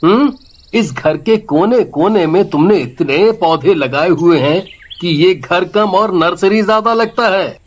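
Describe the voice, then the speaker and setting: Guy doing a teasing cartoon husband, high voice, drawls his jokes. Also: animated, muffled recording. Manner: teasing, laid-back, drawn-out. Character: teasing young husband Sonu. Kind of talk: voiced animated horror story.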